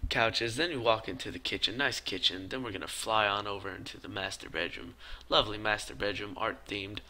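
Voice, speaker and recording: A tired man talking quietly and casually as he narrates a building game in his video. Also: fairly quick, slight background noise, low-quality recording. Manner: talks quietly and low-key because it is late. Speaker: gaming video creator. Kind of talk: casual gameplay voice-over.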